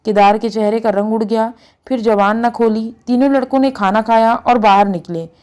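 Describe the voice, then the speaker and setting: A woman storyteller reading a classic short story aloud in a measured, even way. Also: on the high side.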